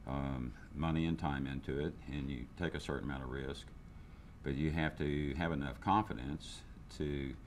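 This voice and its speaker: In this interview testimonial, an older business owner sits indoors talking candidly, often restarting and filling gaps. He has a rumbling low voice with fairly even intonation at normal speed, captured by a lapel mic with slight background noise.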